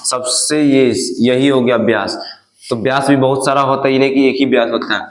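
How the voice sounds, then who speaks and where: A man's voice: mid-range voice, steady tone, fairly quick. A male math teacher teaching a class, asking questions again and again and answering them himself. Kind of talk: classroom lesson. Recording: echoey classroom.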